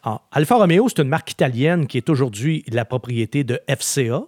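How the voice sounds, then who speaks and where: A man hosting a podcast, telling history in a lively, chatty way with filler words. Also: mid-range voice, fairly quick, no echo, clean studio sound. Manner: chatty storyteller, animated, with frequent filler words. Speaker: podcast host. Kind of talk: casual podcast chat.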